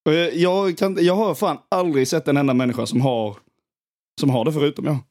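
A young Swedish man from Småland with a slightly high voice co-hosts a casual podcast. He rambles and hesitates, restarts his sentences and swears loosely. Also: darkish tone. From Småland, Sweden. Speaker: podcast co-host. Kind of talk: casual chat.

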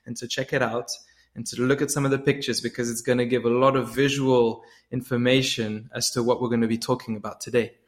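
A man's voice: mid-range voice, little pitch movement, a little fast. A man hosting a podcast interview, enthusiastic, repeating words as he speaks. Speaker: podcast host.

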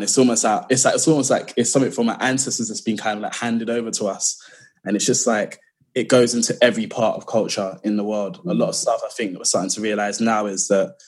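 A man's voice: lowish voice, breathy edge. A man answering as a guest in casual, reflective chat, hesitating as he thinks aloud. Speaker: podcast guest.

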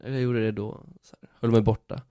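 A man telling stories in a casual podcast chat, animated, swearing casually and acting out the quotes. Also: lowish voice, no room sound, studio quality.

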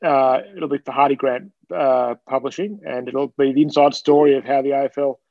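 A man's voice: medium pitch, fairly even intonation, a little fast, creaky, no room sound, narrow, tinny audio. A man with an Australian accent chatting casually as a podcast guest in an understated, conversational way. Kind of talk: casual chat.

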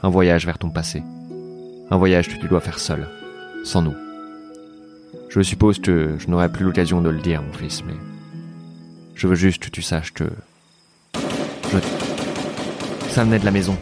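A man voicing a solemn, tender middle-aged father in an audio drama, speaking gravely and quietly. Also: low-pitched, fairly even intonation, measured pace, long pauses, music in the background.

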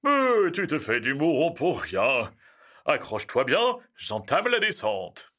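A man playing a jolly, carefree old Father Christmas in an audio story, calm and reassuring. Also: medium pitch, slow, heavily acted. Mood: jovial.

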